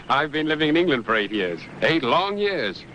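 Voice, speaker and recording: A breezy young gentleman, teasing and light on his feet. His voice is fairly high and bright, with a lively, swinging pitch, over faint hiss. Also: normal speed, highs cut off. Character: breezy young gentleman son, horse lover.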